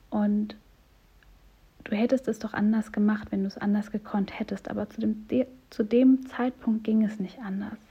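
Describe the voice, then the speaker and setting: A woman playing a gentle inner voice, whispered role-play. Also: medium pitch, creaky, slightly rough, highs cut off. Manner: soft, reassuring, half-whispered. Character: gentle compassionate inner voice, soothing and kind.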